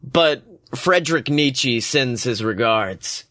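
A man's voice: expressive, takes it slowly, pushed and bright, no room sound, clean studio sound. Man playing Blake, a smug young hero. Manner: smug, low-key.

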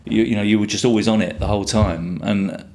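Speaking quickly in a lowish, steady, gravelly and mellow voice, this guest artist in his 50s meanders through stories in a relaxed chat, cursing liberally along the way.

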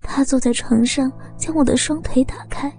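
A woman narrating a first-person story in a soft, breathy manner. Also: high-pitched, fairly even intonation, normal speed, soft background music.

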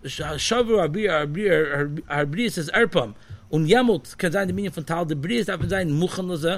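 A man, giving a Talmudic study lesson in an animated, sing-song way with many fillers. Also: a little high, a little fast. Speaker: Torah teacher.

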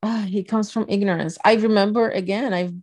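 A woman from Brazil co-hosting a casual podcast, telling stories with lively quoted voices. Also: mid-range voice, a little fast. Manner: animated storytelling, acts out quoted people. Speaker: podcast co-host. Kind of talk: casual chat.

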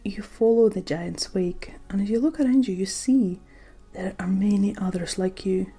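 Mellow woman narrating a soothing sleep story. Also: mid-range voice. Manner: gentle, soothing, unhurried delivery with soft breathy phrase endings. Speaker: guided meditation narrator. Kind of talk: sleep-story style guided meditation, scripted narration. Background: music.

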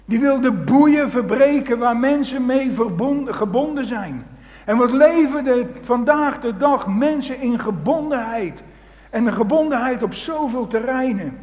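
A man preaching a sermon, telling the story with animation and swinging from loud to hushed. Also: very high-pitched, lively intonation, unhurried. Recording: long hall reverb.

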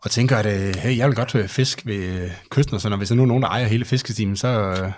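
A man with a fairly low voice takes part as co-host in a casual podcast conversation. He builds his thoughts slowly, filling pauses with "uh"s and restarting phrases as he hunts for the right word. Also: darkish tone. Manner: hesitant, full of 'uh' fillers while searching for words.

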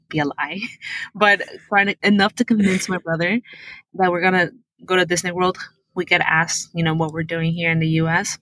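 This guest, a tech product manager from Peru who grew up speaking Spanish, shares her personal story earnestly and with animation in an interview. Her voice sits on the low side with a fairly bright tone, and the recording has no echo but is rough.

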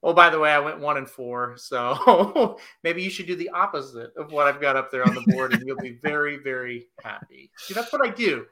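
A man hosting a casual sports talk show. He runs through betting picks in an excitable, joking way and pokes fun at himself. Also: on the high side, moderate pace, hardly any pauses, poor audio. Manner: excitable, joking, self-mocking.

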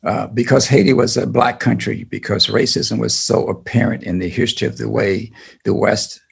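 An older man from the American South, a civil rights attorney answering interview questions in an earnest, deliberate way with many fillers. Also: on the low side, steady tone, creaky, husky.

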